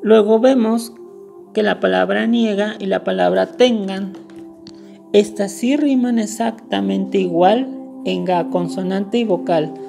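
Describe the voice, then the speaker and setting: A woman's voice: medium pitch, measured pace, vocal fry, dark tone, faint music behind. A woman explaining a lesson step by step, going over each point carefully and repeating the key words. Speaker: teacher. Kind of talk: screen-recorded lesson.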